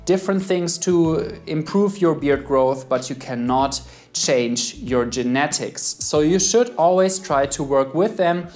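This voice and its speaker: A man's voice: on the high side, lively intonation, unhurried, a little mellow, faint music behind. A man with a German accent, a guest beard expert giving methodical, earnest advice straight to camera. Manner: earnest, methodical, numbered tips.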